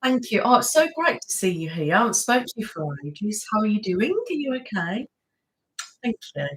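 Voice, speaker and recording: A young woman hosting an ASMR channel live stream sounds very animated at medium pitch and normal speed, though the recording is rough. Chatty and full of "um" and "literally," she greets and thanks viewers by name while describing her tiredness after moving house.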